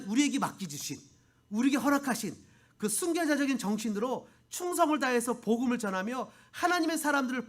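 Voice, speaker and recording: A pastor giving a Sunday sermon and leading prayer, fervent and exhorting, with many rhetorical questions. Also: medium pitch. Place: church sanctuary.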